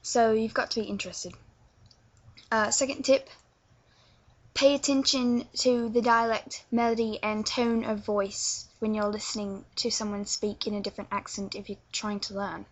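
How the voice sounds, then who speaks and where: A woman's voice: fairly high pitch, flat delivery, moderate pace. A woman from London with a London accent, hesitantly explaining accents in a casual tutorial vlog and often stumbling over her words. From England. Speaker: vlogger teaching accents. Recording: dull lo-fi webcam sound.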